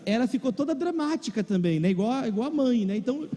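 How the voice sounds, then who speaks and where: A man's voice: very high-pitched, expressive, fast talker, warm tone. A male pastor with a Brazilian Portuguese accent, preaching a sermon and telling a comic personal story to his congregation. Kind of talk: sermon with humorous personal anecdote. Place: large church or auditorium. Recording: long reverb of a large hall.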